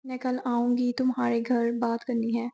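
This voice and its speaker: A woman voicing a serious, brisk young woman talking on the phone. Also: fairly high pitch, completely flat delivery, vocal fry, mellow, dull audio.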